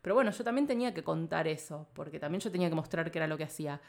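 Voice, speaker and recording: Her voice sits low, very fast and creaky, with an Argentine Spanish accent. As an interview guest in a casual, reflective conversation, she rambles and thinks aloud, leaning on filler phrases and laughing now and then.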